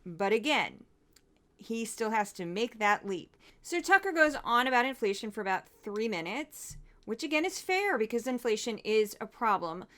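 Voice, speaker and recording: A woman hosts a commentary show, talking through news clips in a conversational way. Her voice sits a little on the high side, and her tone is wry and exasperated as she points out what she finds absurd. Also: big pitch swings, normal speed, fairly bright tone.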